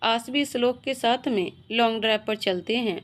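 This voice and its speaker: A woman's voice: fairly high pitch, normal speed. A woman reading an emotional romantic story aloud, narrating and voicing every character herself.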